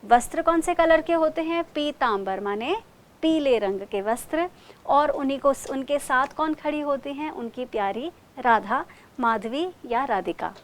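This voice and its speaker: A woman's voice: high voice, animated, unhurried. A woman teaching an online Kathak dance class, calling out counts and dance syllables, then explaining in Hindi mixed with English words.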